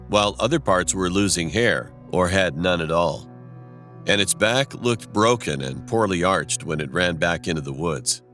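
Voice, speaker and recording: A man with a very deep voice narrates a creepy story from his childhood. His reading is plain and measured. Soft music runs underneath. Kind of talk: scripted horror narration.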